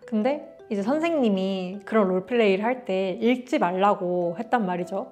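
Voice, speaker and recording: A woman's voice: medium pitch, moderate pace, faint music behind. A young woman from Korea telling a story to camera in a casual vlog, acting out bits of dialogue as she goes. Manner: animated, acts out dialogue in quotes. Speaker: vlogger.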